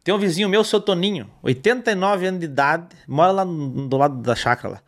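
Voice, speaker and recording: A man, a comedian, telling stories in a casual interview chat, animated and lively. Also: a little high, fast. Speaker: comedian guest.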